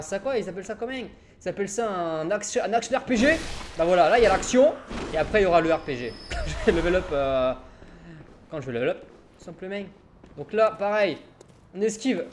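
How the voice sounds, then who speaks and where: A man in his twenties does casual, chatty let's play commentary, joking and laughing often. His voice is high-pitched, and his home streaming mic setup picks up a little hiss or hum.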